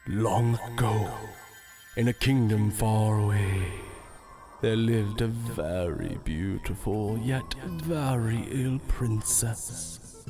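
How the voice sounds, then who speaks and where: A man voicing a mysterious male spirit who answers wishes, talking in a slow, secretive whisper. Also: on the low side. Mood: storytelling. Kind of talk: audio drama acting. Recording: music bed underneath.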